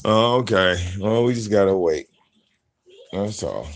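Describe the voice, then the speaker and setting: A man in his forties hosting a live stream, talking bluntly in profane slang and slipping into soft baby talk with his pets. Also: lowish voice, expressive, measured pace. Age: 40s. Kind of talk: casual live-stream rant.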